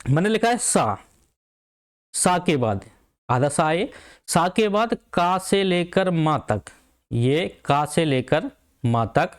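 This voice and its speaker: A man gives an online exam-prep lesson. He explains patiently and repeats each example word slowly. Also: fairly high pitch, animated. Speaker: Hindi teacher.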